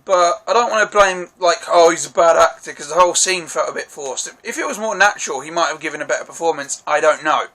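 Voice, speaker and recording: A man's voice: on the high side, quick pace, hardly any pauses, a crowd in the background. A man giving a casual spoken film review, rambling and hesitant, with many fillers and restarts.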